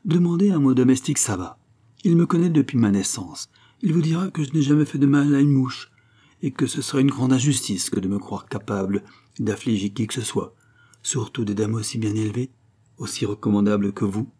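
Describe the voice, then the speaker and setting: Eager young count, read by a man, kinda pleading, raised voice, warm husky tone. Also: on the low side, fairly even intonation, a little fast. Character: earnest young male count, impulsive and kind.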